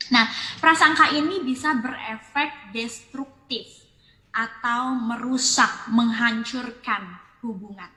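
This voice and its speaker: A woman's voice: a little high, slow pace, pushed and bright. A woman giving an informal psychology talk on a live stream, explaining ideas through many everyday examples. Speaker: psychology speaker. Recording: echoey room with long reverb.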